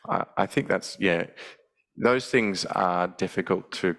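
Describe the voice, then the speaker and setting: A man's voice: low-pitched, unhurried, a bit bright. A man with a headset answering webinar questions about a forestry project, hesitant, with many ums and restarts.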